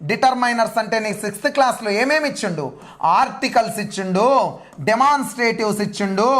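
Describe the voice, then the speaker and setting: A man's voice: very high voice, fairly bright tone. A man teaching English grammar for a teacher exam, repeating key terms emphatically as he drills them. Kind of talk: exam-prep grammar lecture.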